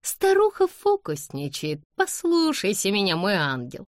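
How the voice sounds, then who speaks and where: A woman's voice: medium pitch, wildly swooping pitch, unhurried, no room sound, clean studio sound, pitched above the performer's own voice. A woman voicing a haughty, disapproving older aristocratic lady who scolds indignantly in an audiobook. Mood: coaxing.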